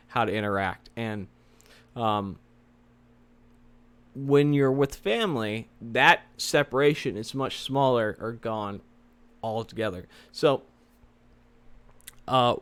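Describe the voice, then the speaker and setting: A man's voice: mid-range voice, clear, resonant tone. Man with slightly slurred, retainer-muffled speech. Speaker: host, software developer giving career advice. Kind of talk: casual advice vlog.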